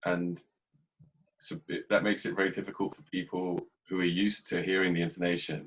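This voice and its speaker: An English man hosting a podcast, talking in a casual, reflective way and keeping a dry, even tone even when he jokes. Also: sits low, fairly quick, poor audio. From England. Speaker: podcast host. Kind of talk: casual conversation.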